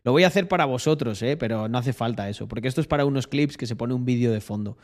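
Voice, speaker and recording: A man's voice: medium pitch, fast talker. A young man with a Spain Spanish accent chatting casually on a live stream, joking and laughing at himself. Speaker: streamer and podcast host.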